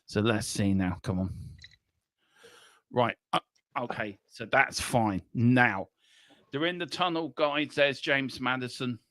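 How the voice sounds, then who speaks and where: Excited man hosting a watchalong. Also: mid-range voice, takes it slowly, long pauses, no echo. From Ireland. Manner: animated, eager, chatty with frequent ums. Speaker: watchalong host. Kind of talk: excited live football watchalong commentary. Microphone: earpiece headset on a live stream.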